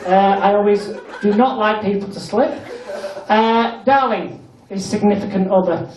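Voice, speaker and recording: A man's voice: high-pitched, unhurried, darkish tone. A man with a British accent doing comedy stage hypnosis, giving commanding hypnotic instructions mixed with cheeky, blunt banter to the people on stage. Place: live comedy show on stage. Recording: echoey room, distant mic, audience noise. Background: audience crowd.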